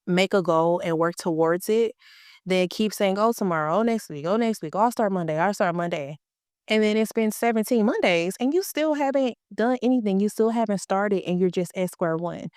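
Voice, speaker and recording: A woman in her early thirties hosts a motivational podcast with a medium-pitched, clean voice, recorded in a clean studio with no room sound. She talks in a chatty, emphatic, slangy way and sounds a little stuffy from a cold.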